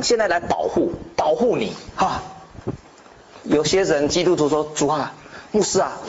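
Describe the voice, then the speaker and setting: A man pastor preaching a sermon, asking rhetorical questions and acting out bold declarations. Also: a little high. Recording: dull lo-fi sound with faint noise.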